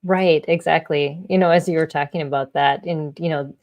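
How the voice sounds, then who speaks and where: A woman's voice: deep voice, steady tone, moderate pace, muffled recording. A middle-aged woman hosting an interview in casual chat, often repeating words as she thinks. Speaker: podcast host.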